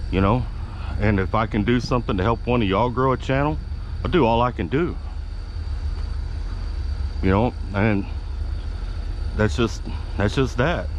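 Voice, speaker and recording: A man's voice: medium pitch, low-quality recording. A man talking casually to his viewers as a vlogger, rambling in a laid-back, slangy way with some swearing. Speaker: YouTube vlogger. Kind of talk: casual rambling talk to camera. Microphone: action camera clipped to his hat. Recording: clear outdoor and vehicle background noise.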